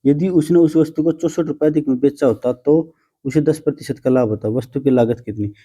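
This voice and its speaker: A man's voice: fairly high pitch, fairly quick, dark tone, slightly rough. A man teaching a math lesson to students, patient and coaxing, often calling them "beta" and teasing them a little.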